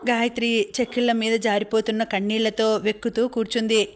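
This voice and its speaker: A woman reads an audiobook novel aloud at a steady pace. Her voice sits fairly high. It barely rises or falls, so the narration sounds even and flat. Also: a little fast.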